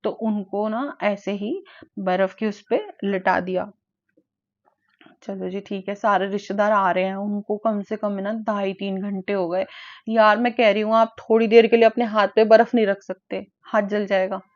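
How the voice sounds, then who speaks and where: A woman vlogger retelling family stories in a chatty, animated way. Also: mid-range voice, moderate pace, dry recording, muffled recording. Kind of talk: casual storytelling to camera.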